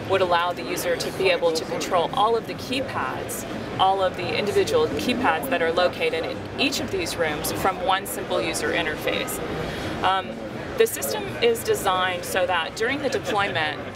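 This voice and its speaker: A man presenting software at a trade show booth, explaining steadily with frequent ums. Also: high voice, moderate pace. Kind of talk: product demo. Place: busy trade show floor. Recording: loud crowd noise behind. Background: loud crowd chatter.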